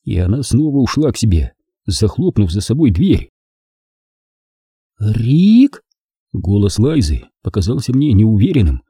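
A man's voice: fairly low pitch, moderate pace, husky, no room sound, clean studio sound. A man reading a detective novel aloud in the first person, telling it expressively. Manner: expressive storytelling. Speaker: audiobook reader.

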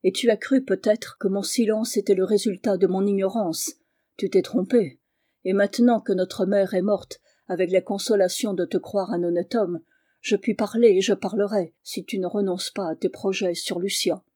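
A reader voicing a timid, gentle young man who speaks earnestly and gravely, in an audiobook reading. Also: mid-range voice, steady tone, moderate pace, no echo, studio quality, lightly acted.

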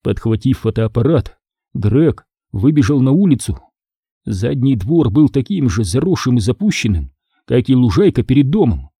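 Dark-voiced man narrating horror. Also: mid-range voice, very animated, normal speed, breathy edge, no room sound, clean studio sound. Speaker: audiobook narrator.

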